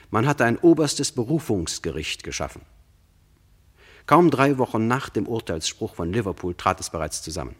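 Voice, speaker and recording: Sober and measured, a deep-voiced man with a husky edge narrates a true crime radio play, speaking straight to the listener.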